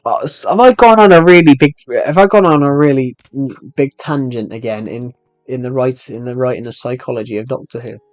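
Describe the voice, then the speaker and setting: A young British man in his twenties with a heavy accent chats casually on a game stream, his mid-range voice moving a little quickly. He rambles and restarts sentences as he answers viewers' questions from chat. The recording is rough, with no echo and soft music underneath.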